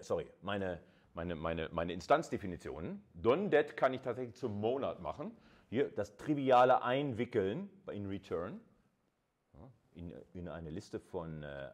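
Lecturing in a relaxed, conversational manner, a university lecturer walks his audience through ideas step by step and addresses them directly. He has a fairly low, slightly mellow voice.

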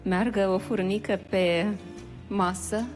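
A woman poet from Moldova speaks slowly and thoughtfully as a TV guest, soft-spoken and reflective. Her pitch is ordinary and middle. Faint music sits behind her. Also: steady tone. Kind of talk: thoughtful interview answers.

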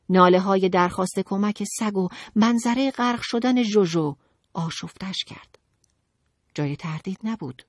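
A woman narrating a children's audiobook in an expressive, dramatic storytelling manner. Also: mid-range voice, dry recording, studio quality.

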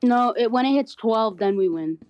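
A woman chatting casually while playing a game with friends, excitable and directing the team. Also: fairly high pitch, normal speed, dry recording, highs cut off. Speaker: game player. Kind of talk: casual gaming chat.

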